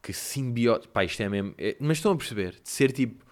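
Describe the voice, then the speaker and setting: A man's voice: mid-range voice, expressive, fast talker. A young man with a European Portuguese accent hosting a casual solo monologue, telling stories in a rambling, slangy, self-mocking way. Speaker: podcast host.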